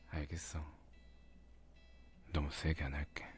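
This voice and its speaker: A man playing a doting, teasing young boyfriend in an intimate ASMR ASMR role-play, murmuring softly and coaxingly close to the microphone. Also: a bass voice. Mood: hushed, teasing. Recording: music behind the voice.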